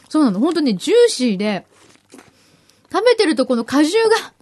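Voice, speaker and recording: High, lively-voiced woman chatting casually. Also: moderate pace, no room sound. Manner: enthusiastic, chatty, laughs often. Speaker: podcast co-host. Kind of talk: casual chat while tasting food.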